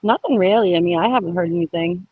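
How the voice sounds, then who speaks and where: A man's voice: sits high, quick pace, slight background noise. A man giving short, easygoing replies in a casual crypto chat. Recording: dull lo-fi audio.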